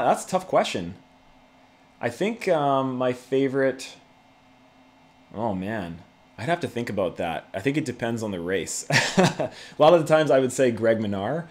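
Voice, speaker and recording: A man hosting a casual livestream, chatting to viewers in a laid-back, conversational way. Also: on the low side. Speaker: YouTube channel host.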